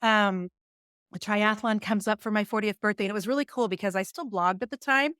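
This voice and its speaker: A woman in her forties, a business coach and author, tells stories casually in a podcast interview, speaking at a medium pitch with a brisk, smooth delivery. She's animated, acting out her own inner dialogue with laughs. The recording is studio quality with no echo.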